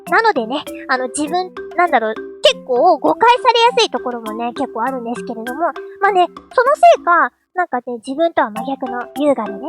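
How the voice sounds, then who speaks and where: A woman's voice: very high-pitched, a bit bright. A young woman hosting as a VTuber, chatting playfully and filling her talk with little fillers as she explains cartoon characters. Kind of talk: casual solo talk.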